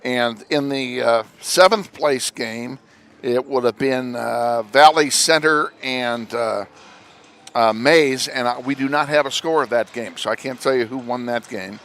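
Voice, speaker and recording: A man's voice: mid-range voice, a little slow, a bit bright. A man with a Midwestern American accent giving an informal pregame tournament recap, with many fillers and self-corrections and slightly out of breath. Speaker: play-by-play broadcaster. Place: school gym broadcast booth.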